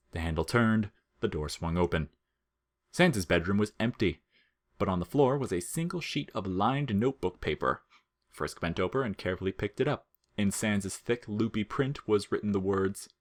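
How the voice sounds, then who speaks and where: In the style of an audiobook narrator, a low-voiced man reads a fictional story from a script.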